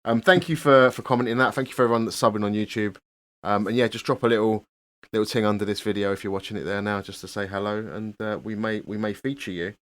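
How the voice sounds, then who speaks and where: A man hosting a podcast, talking in a relaxed, halting way. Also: fairly low pitch. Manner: relaxed, hesitant with many ums and restarts. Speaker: podcast host. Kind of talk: casual podcast chat.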